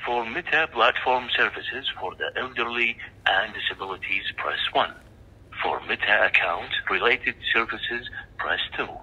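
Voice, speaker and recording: A man's voice in a recorded phone menu message, giving formal, measured prompts over a phone line. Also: mid-range voice, pushed and bright, slightly rough. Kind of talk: scripted phone system prompts.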